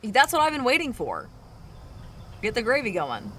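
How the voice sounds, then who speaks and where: A woman's voice: on the high side, huge pitch swings, normal speed, a bit bright, a little hiss or hum. A woman streamer with a cute anime-streamer delivery, giving playful, teasing casual reaction commentary. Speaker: VTuber streamer reacting to a video.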